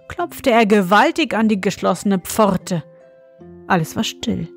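A woman reads a fairy tale aloud as a bedtime story, calm and measured. Her pace is very slow and her pitch sits in the middle, with soft music faintly underneath.

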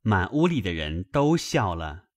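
语调起伏的男声古典小说朗读. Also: male voice, low voice, dry recording, studio quality. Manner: measured, expressive storytelling. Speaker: narrator. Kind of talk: reading a classic novel aloud.

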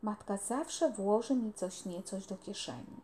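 A woman's voice: medium pitch, animated, a little slow, warm tone, lightly acted. A woman reading aloud, voicing a cheerful country boy who gardens, with an eager, rustic manner. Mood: easygoing.

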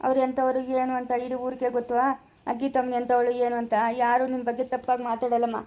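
Brief: woman as a resigned poor village father, soothing and pleading, Chikkaballapura Kannada accent, high voice. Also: monotone, quick pace, dark tone, natural voice. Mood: consoling. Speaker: actor in a family drama. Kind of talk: village family drama acting.

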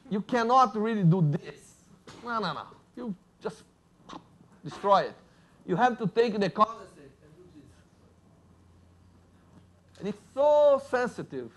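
A man with a Brazilian Portuguese accent, a native Portuguese speaker, giving a lively university physics lecture and joking with the audience. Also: high-pitched. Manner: lively, jokes with audience, asks "right?".

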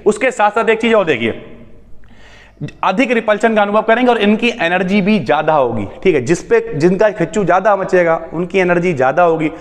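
A high-pitched male chemistry teacher who lectures in a casual, chatty way. He keeps asking the class questions and answering them himself, mixing in homely jokes. His voice rings with a long reverb, as if he were speaking in a hall. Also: brisk.

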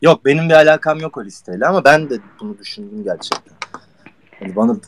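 A man's voice: medium pitch, animated, quick pace. A male actor in casual, playful chat with fans, joking and laughing often. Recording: noisy background hiss.

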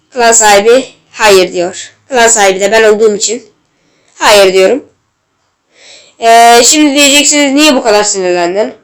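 A woman hosting a gaming channel, giving gameplay commentary in an excitable way and yelling at the referee, and she is a little ill. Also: on the high side. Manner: excitable, shouts at the game and referee. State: slightly ill.

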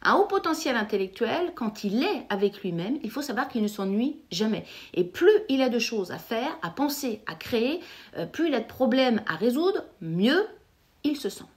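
Speaking directly to her viewers, a middle-aged French psychotherapist who hosts a YouTube channel delivers an emphatic on-camera explainer. Her voice is on the high side, sing-song, and paced moderately.

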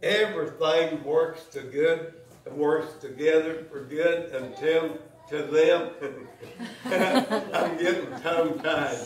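A man closing a church service with slow, folksy, chuckling exhortation. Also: fairly high pitch. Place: church sanctuary. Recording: echoey church from a distance.

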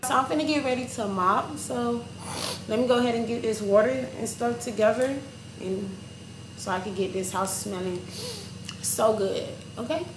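A woman's voice: a little high, normal speed, background noise. Chatty young woman vlogging at home. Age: young adult. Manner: chatty, talks straight to camera, slangy and animated. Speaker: lifestyle vlogger. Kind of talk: casual vlog narration. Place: apartment kitchen and living room, indoors. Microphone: handheld or propped camera at close range. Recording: echoey apartment room, faint ambience.

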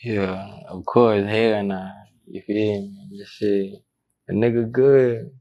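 Low gravelly young man, terse and mumbling. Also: fairly even intonation, takes it slowly, warm tone, muffled recording. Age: young adult. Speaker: rapper, interview guest. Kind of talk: casual interview. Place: indoor room, seated. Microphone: lapel mic.

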